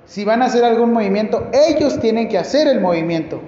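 A man with a Mexican accent giving a lively, joking classroom lecture to nursing students and asking the class questions. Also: high voice, a little fast. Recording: echoey hall, dull lo-fi sound.

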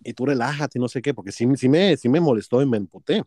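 A man's voice: mid-range voice, animated, fast talker, mellow, dry recording, clean studio sound. A man with a Mexican accent telling a workplace story in casual chat, profane and gossipy, acting out both sides of a quarrel.

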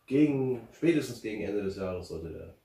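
Man, low voice, rambling with fillers, echoey room, far from mic. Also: lively intonation, normal speed, dark tone. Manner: rambling, many fillers and restarts. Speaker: interview guest, finance blogger. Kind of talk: casual interview. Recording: roomy, distant from mic.

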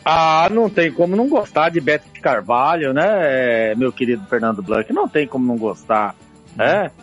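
Brazilian male radio pundit: husky, high, animated, impassioned opinion with emphatic repetition. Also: normal speed, faint music behind. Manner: emphatic repetition, frequent tag questions. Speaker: radio sports commentator.

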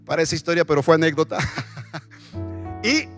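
A male pastor preaching a sermon in a church, animated and often asking the congregation questions. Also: a little high, measured pace, faint music behind.

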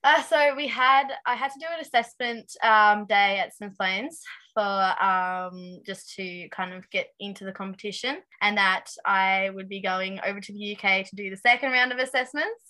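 A woman's voice: medium pitch, fairly even intonation, moderate pace, sharp tone, low-quality recording. A twenty-year-old woman with a Tasmanian Australian accent, answering interview questions casually, with hesitant, informal phrasing. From Launceston, Tasmania, Australia. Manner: hesitant, informal, frequent ums and likes. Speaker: interview guest, aspiring racing driver.

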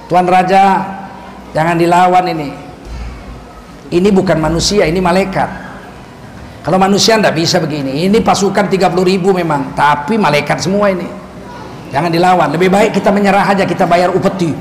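A man's voice: sits high, brisk, long pauses, voice pushed down, lightly acted. A man voicing a worried Persian priest who urgently pleads with his king not to fight. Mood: pleading. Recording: echoey hall, faint background noise.

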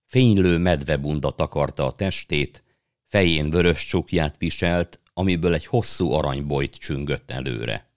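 A man reading a children's fantasy novel aloud in calm, measured storytelling. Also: rumbling low, no echo, studio quality. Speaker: narrator. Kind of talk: audiobook reading.

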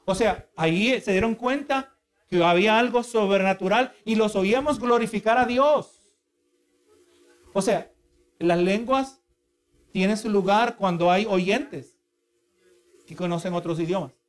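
A man's voice: sits high, unhurried, pauses often. A male preacher giving a sermon, earnest and explanatory, who keeps asking the congregation for agreement. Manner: asks the congregation for agreement again and again; earnest, explanatory, with repeated restarts.

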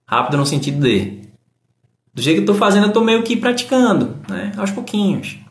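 A man's voice: high-pitched, very animated, fairly quick, reverberant. A man giving a casual live-stream English lesson, answering chat comments and explaining grammar patiently.

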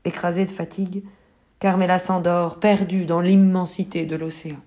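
A woman tells a children's story aloud in an expressive storytelling voice. She builds suspense with dramatic pauses and lively emphasis. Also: fairly low pitch. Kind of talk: reading a children's picture book aloud.

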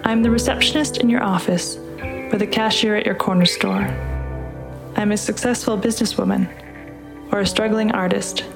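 A woman reading a narrative piece aloud and introducing the program in a measured, deliberate way. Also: medium pitch, steady tone, vocal fry. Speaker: podcast host and reader. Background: music underneath.

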